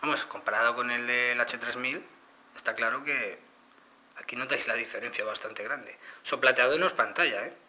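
A man's voice: medium pitch, moderate pace, bright, forceful tone. A man with a Spain Spanish accent casually demonstrating a phone to viewers, explaining each step. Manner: explanatory, addresses viewers directly. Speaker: phone reviewer. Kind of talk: casual product demo.

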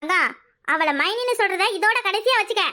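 A woman's voice: very high voice, animated, a little fast, sharp tone, exaggerated voice. A woman with a Kanyakumari Tamil accent voicing an aggrieved older village mother in a cartoon, complaining theatrically. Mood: scolding. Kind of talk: animated cartoon comedy dialogue.

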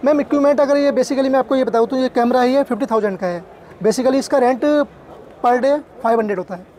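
In a busy indoor exhibition hall, a salesman in his thirties pitches camera gear, rattling off products and prices quickly and repetitively in a darkish tone.

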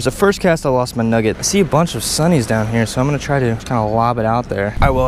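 A young man in his twenties filming a casual fishing vlog outdoors by a pond on a body-worn camera, excitable and saying "literally" and "dude" a lot. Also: mid-range voice, background noise. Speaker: fishing vlogger. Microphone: action camera worn on body.

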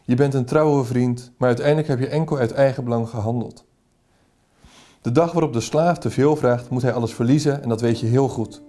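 A man reading aloud the lines of an anxious, sad young woman in love, his pitch slightly raised. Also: fairly quick, warm tone, natural voice. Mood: melancholy.

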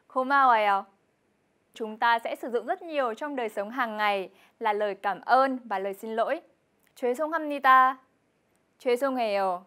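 Fairly high-voiced woman teaching Korean. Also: fairly bright tone. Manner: clear, patient explaining with repeated example words. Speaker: Korean language teacher co-host. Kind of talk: scripted TV language lesson.

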